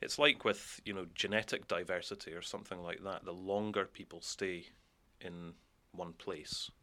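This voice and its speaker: Low, flat-voiced man explaining calmly. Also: moderate pace. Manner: thoughtful, with many "you know" fillers. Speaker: expert interviewee. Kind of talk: explanatory interview talk.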